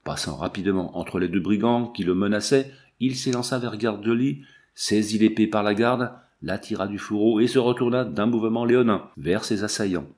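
Low-voiced male audiobook narrator. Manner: steady, measured storytelling.

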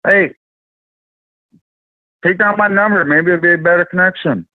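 A man's voice: sits high, normal speed, no echo. A man calling in on a phone chat line, his choppy connection breaking up while he keeps asking if he can be heard and repeats himself. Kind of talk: phone conversation. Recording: tinny dry phone line.

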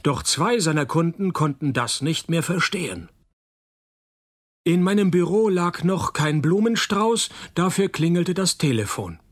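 Playing a first-person detective narrator, the actor speaks a little slowly in a fairly high, husky male voice. His take on the wry, cynical private eye is deadpan and sparing with words, delivered dry.

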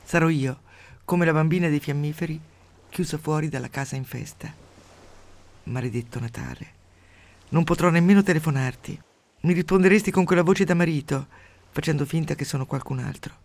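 A man doing a hushed, mournful mistress. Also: a little high, fairly quick, close to an everyday voice. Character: lonely, bitter woman, married man's mistress.

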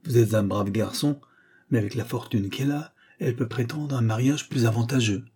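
A man's voice: medium pitch, brisk, dark tone, husky, lightly acted. A man reading aloud, voicing a proud, stubborn farm mother who speaks curtly. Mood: stern. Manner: curt, dry.

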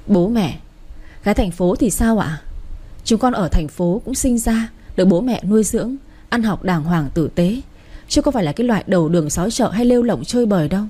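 A woman's voice: mid-range voice, expressive, brisk, dark tone, slightly rough. A woman voicing a hurt young city-born wife who pleads politely with her in-laws. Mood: hurt pleading.

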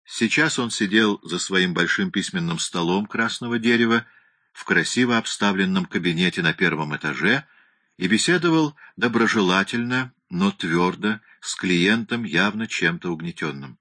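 A man reading a novel aloud as an audiobook narrator in a measured, even storytelling manner. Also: low-pitched, no echo, clean studio sound. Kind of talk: scripted narration.

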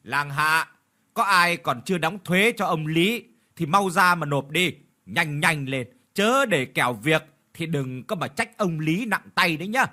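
A man voicing a rough male henchman loudly calling villagers to pay up. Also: on the high side, expressive, unhurried, voice pushed up, full character voice. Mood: bossy calling. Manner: loud announcing, hurrying people.

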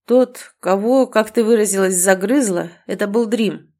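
A woman voicing a calm, protective male alpha werewolf in an audiobook, speaking quietly and evenly. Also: medium pitch, measured pace. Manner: quiet, even and soothing.

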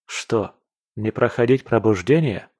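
A man reading an audiobook, voicing a cautious young man who speaks in a calm, measured, wry way. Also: on the low side, husky, dry recording, clean studio sound. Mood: sober. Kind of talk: audiobook character voice.

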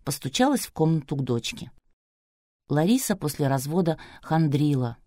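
A woman narrating a novel in an even, measured way. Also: low voice, dry recording, clean studio sound. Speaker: audiobook narrator. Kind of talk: scripted narration.

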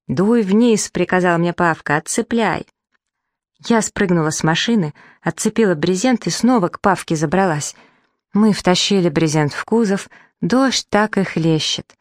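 A woman narrating a children's audiobook in the first person, lively and acting out the dialogue. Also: lowish voice, no echo, studio quality. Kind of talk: children's story reading.

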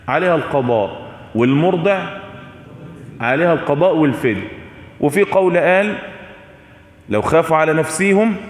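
A man with an Egyptian accent teaching a religious law lesson. He asks the audience questions, answers them himself, and repeats his key points. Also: on the high side. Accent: Egyptian Arabic. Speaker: Islamic jurisprudence teacher. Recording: echoey hall with long reverb.

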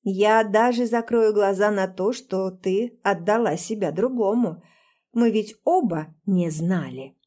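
A woman voicing an obsessive, violent young man in an audiobook, who shouts accusations and then turns softly menacing. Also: medium pitch, a little slow, natural voice. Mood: creepily tender.

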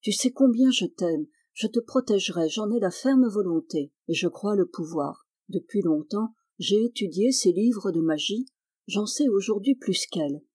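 A woman voicing a gentle, wise young sorceress who calmly reassures her brother, in a slightly breathy voice. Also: medium pitch, normal speed, dry recording, natural voice. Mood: reassuring.

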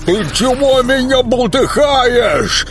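A man voicing a panicky male swamp creature with fish whiskers, hoarse and wailing as he begs to be let go. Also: very high voice, animated, slow, over music, voice pushed up, heavily acted.

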